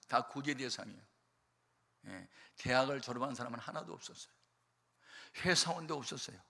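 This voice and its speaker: An older male pastor preaching a sermon, telling a story with emphatic swings from quiet to loud. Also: mid-range voice, vocal fry. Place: church or prayer hall. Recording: long hall reverb.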